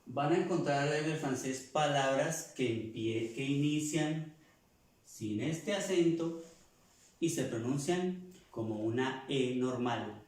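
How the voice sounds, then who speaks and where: A man leads a language lesson at an unhurried pace, saying each word several times so listeners can copy it. His voice sits at a middle pitch and rings in a very echoey room. He sounds set back from the microphone. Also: a little mellow, recorded from a distance. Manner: slow, repeats words to drill pronunciation. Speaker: teacher.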